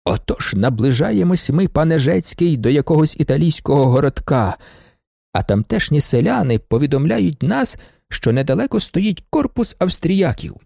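Man voicing emotional old male estate manager, fond tearful telling, high pitched, gravelly, very lively pitch. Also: normal speed, no echo, clean studio sound, heavily acted. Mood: reminiscing.

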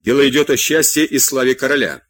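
A man's voice: mid-range voice, quick pace, close to an everyday voice. A man doing a courteous court doctor. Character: courteous male court doctor, calm and loyal.

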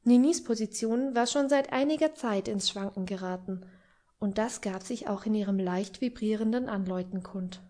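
A woman narrating an audiobook in a calm, measured reading. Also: medium pitch.

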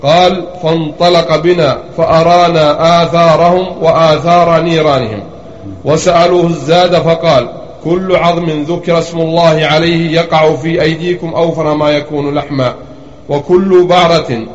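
A man reading a classical text aloud to a lesson, in a measured voice with a slightly chanted lilt. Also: fairly high pitch. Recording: lo-fi recording in an echoey room.

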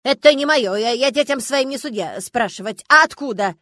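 A woman's voice: a little high, a little fast, pushed and bright, no echo, pitched above the performer's own voice. Woman playing a snide old village granny. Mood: mocking. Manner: snide, mocking, folksy. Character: sly old village herbalist granny, sharp-tongued. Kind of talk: audiobook character voice.

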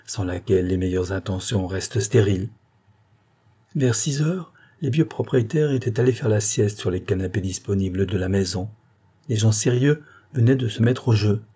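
A man narrating a classic novel as an audiobook, measured and even. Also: on the low side, breathy edge.

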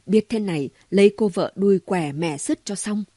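A gossipy city woman with a mocking, exclamation-filled way of talking, voiced by a woman reading a novel aloud. The voice is mellow and a little husky. The sound is dry and close. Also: medium pitch, moderate pace, dry recording, lightly acted. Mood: teasing. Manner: chatty, mocking, full of exclamations. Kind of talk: audiobook reading.

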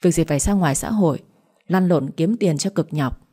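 A woman voicing a harsh, spiteful middle-aged mother who taunts and curses in a shrill voice. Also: moderate pace, dark tone, husky. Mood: scornful.

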